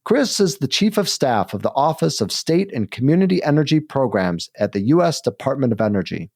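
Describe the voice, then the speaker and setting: Lively upbeat male podcast host. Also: mid-range voice, brisk, vocal fry. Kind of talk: scripted podcast intro and interview questions.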